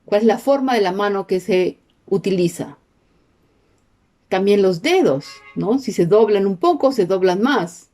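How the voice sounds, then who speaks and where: A woman's voice: medium pitch, expressive, unhurried, mellow, soft background music. A woman teaching a class, explaining step by step and checking in with her listeners through frequent questions. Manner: peppers sentences with questions to the class. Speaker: sign language teacher.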